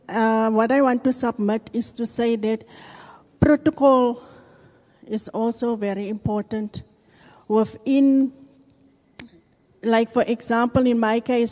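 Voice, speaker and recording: Mellow woman in a reverberant hall. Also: fairly high pitch. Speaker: member giving input from the floor. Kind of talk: unscripted meeting contribution. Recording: hall microphone with long reverb.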